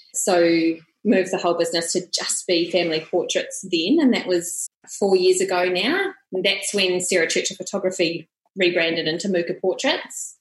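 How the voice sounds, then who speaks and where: A middle-aged woman speaks with a broad Kiwi accent in a conversational interview style. She sounds like a podcast guest, recorded in a roomy, echoey space. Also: mid-range voice. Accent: broad New Zealand (Kiwi). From New Zealand. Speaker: podcast guest, family portrait photographer. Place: room, standing with baby in arms.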